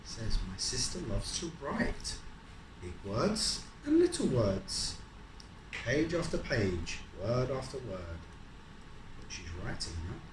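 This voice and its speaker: An adult reads a picture book to a young child in an echoey room at home, speaking slowly in a mid-range voice whose pitch swoops wildly. The reading is encouraging, with guiding questions, confirmed answers, and drawn-out story phrases. The recording has a roomy echo and some background noise.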